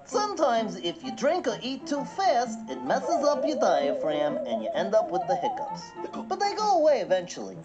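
A grumpy, sarcastic cartoon sidekick: high and bouncy, with a muffled mix and music under. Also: female voice, wildly swooping pitch, normal speed. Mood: matter-of-fact. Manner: grumbling and sarcastic. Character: grumpy, stubborn cartoon pal with hiccups. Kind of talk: comedy sketch acting. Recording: slightly dull audio with music behind.

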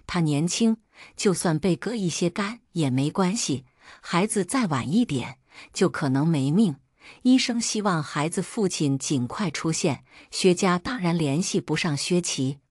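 A woman narrating a family drama story in a calm, steady reading style. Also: lowish voice, measured pace, breathy edge, no room sound, clean studio sound.

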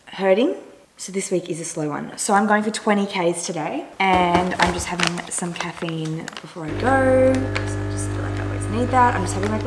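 Young woman vlogging in an echoey kitchen. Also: lowish voice. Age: young adult. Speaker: running vlogger. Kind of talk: casual chat to camera. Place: indoors, bright home kitchen. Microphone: camera a couple of metres away. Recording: roomy echo, clear background noise.

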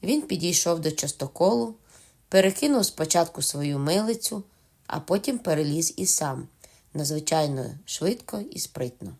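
A woman narrating a novel as an audiobook in a calm, measured reading. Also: sits low.

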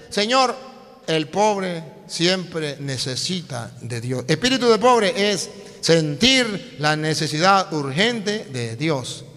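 A male priest with a high, bright voice preaches to young people at an unhurried pace. He is emphatic and repeats himself, speaking straight to the crowd. His voice rings with the long reverb of a large hall. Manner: emphatic and repetitive, addresses the crowd directly. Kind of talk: lively sermon.

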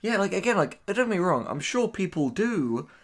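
In this clip a man with a high voice that swings widely in pitch talks at a normal speed. He's co-hosting a casual reaction commentary, reading out tips as a writer and reacting to them in a blunt, opinionated way.

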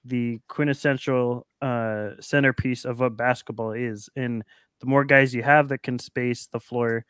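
A man's voice: medium pitch, fairly even intonation, unhurried, fairly bright tone, clear, resonant tone, dry recording, studio quality. A man talking basketball on a podcast video call, thoughtful and explaining at length with frequent restarts. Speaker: podcast co-host. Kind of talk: casual sports talk. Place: home room on a video call.

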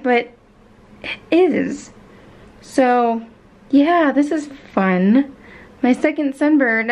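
A woman's voice: on the high side, highs cut off. Chatty woman vlogging on the go. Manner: chatty and lively, rambling with fillers. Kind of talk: casual vlog chat to camera. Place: outdoors and in her car on a hot day.

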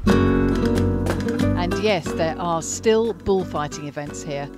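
A woman with a fairly low voice reads a travel voice-over in a calm, wry way. Plucked guitar music plays clearly underneath her. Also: drawn-out words. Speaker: vlog narrator. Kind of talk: scripted voice-over narration. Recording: voice-over with loud music bed.

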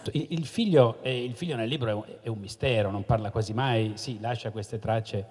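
A middle-aged man, an author on a panel, speaks into a handheld mic on stage in a large hall, and the long reverb of the room trails after him. His voice is fairly low and darkish with a breathy edge, moving at a moderate pace. The talk is casual, and he comes across as thoughtful, hesitant and self-ironic.

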